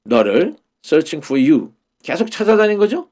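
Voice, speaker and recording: A man teaching a Korean-language lesson on English Bible verses. He explains slowly, repeats the English phrases and uses many fillers. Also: a little high, big pitch swings, a little mellow.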